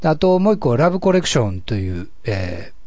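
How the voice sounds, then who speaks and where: A man with a husky, gravelly voice, chatting casually and politely as a solo podcast host. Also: mid-range voice, very animated, quick pace, a little mellow, no room sound. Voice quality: husky, gravelly voice, often taken for having a cold. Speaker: podcast host and amateur musician.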